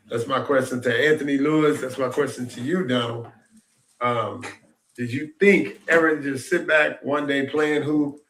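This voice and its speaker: Recorded in a room with noticeable echo, a sixty-something male host rambles cheerfully through a relaxed, reflective conversation, often repeating himself. His voice sits at a medium pitch and has a slightly bright quality.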